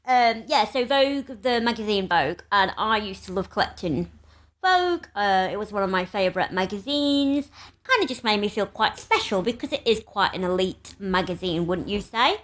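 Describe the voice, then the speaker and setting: A woman co-hosting a casual chat while hungover, rambling and giggly with lots of pauses. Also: medium pitch, expressive. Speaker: podcast co-host.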